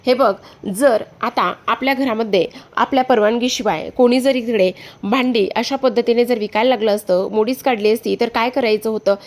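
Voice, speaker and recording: A woman's voice: a little high, normal speed, lightly acted. A woman voicing a young married elder sister who scolds and pleads in a retold serial story, in her own voice. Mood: scolding. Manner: lecturing, pleading.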